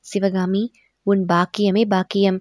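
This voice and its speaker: A woman's voice: mid-range voice, completely flat delivery, measured pace, darkish tone, dry recording, studio quality, natural voice. A woman reading as a humble old sculptor. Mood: earnest. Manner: humble, deferential speech. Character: devoted older male sculptor, humble and earnest.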